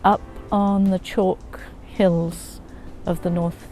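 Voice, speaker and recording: Brief: English woman in her seventies, mellow warm tone, reflective and descriptive storyteller. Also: on the low side, little pitch movement, takes it slowly, slight background noise. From England. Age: 70s. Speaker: interviewee. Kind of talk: documentary interview.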